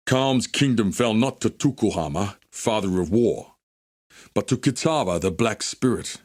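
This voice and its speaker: Haku, deep solemn warrior. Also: male voice, a little mellow, no echo, clean studio sound. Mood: grave, urgent. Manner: solemn, measured, formal storytelling delivery. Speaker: video game character. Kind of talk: dramatic scripted game dialogue.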